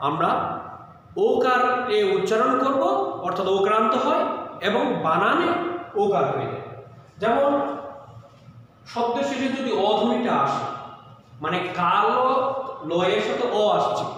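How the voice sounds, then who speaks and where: A male teacher giving a slow lecture on spelling rules, repeating key words as he explains. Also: high voice, a bit bright, slight background noise. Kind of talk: classroom lecture. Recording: very echoey room with long reverb.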